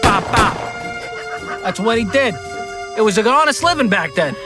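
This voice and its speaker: A man's voice: high-pitched, lively intonation, moderate pace, over music, pitched above the performer's own voice. A man voicing an indignant Long Island wiseguy in a sarcastic, exaggerated, combative mock reading for a comedy video. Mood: pleading defensive. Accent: Long Island New York. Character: loud, indignant working-class Long Island Italian-American wiseguy.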